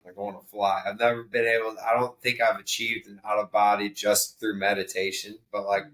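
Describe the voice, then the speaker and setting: A man's voice: on the low side, little pitch movement, a little fast, fairly bright tone, low-quality recording. A man co-hosting a podcast in casual chat, laid-back and swearing freely.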